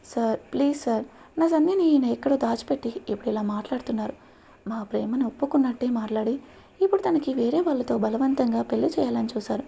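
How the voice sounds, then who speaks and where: A woman's voice: fairly high pitch, fast, gravelly, breathy edge. A woman voicing a young man in love who pleads and protests angrily to the police. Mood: upset, pleading. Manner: pleading, then shouting in protest. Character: young man in love, Surya, desperate and defiant.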